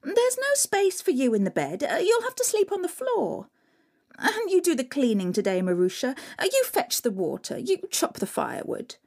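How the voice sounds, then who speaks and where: Spoiled, spiteful young stepsisters from a fairy tale, voiced by a woman storyteller. They squeal in a very high, bratty way, and their pitch leaps about. Under it there is a gravelly, breathy texture. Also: wildly swooping pitch, normal speed, darkish tone, heavily acted.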